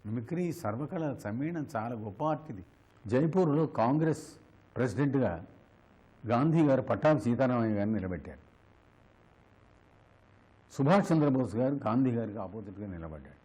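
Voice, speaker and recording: Husky-voiced man telling an anecdote. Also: medium pitch, animated, brisk, pauses often, warm tone. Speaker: mimicry artist. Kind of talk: animated storytelling.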